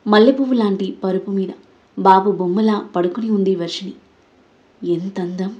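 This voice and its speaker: A woman narrating a Telugu audio story in a steady, dramatic storytelling manner. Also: medium pitch, normal speed, lo-fi sound.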